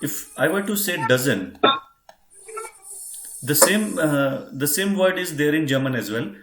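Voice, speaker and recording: A man's voice: on the high side, animated, a little slow, fairly bright tone. Patient male language teacher, echoey room. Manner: patient, repeats and spells words out, addresses "friends". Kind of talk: online class teaching.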